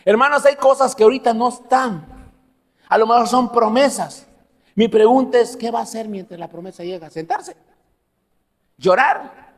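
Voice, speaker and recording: A man's voice: very high voice, normal speed, pauses often. A man preaching a sermon as pastor, telling personal stories and asking the congregation questions. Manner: animated, laughs at own stories, asks the congregation questions. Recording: long hall reverb.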